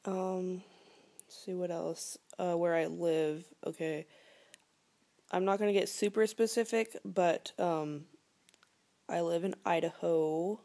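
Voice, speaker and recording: A woman's voice: lowish voice, steady tone, slow pace, vocal fry, pauses often, mellow. A woman in her twenties chatting casually to camera as a vlogger, rambling with many fillers and at times dropping to a whisper, filmed close-up at home in a living room. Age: 20s. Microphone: phone or laptop camera held close.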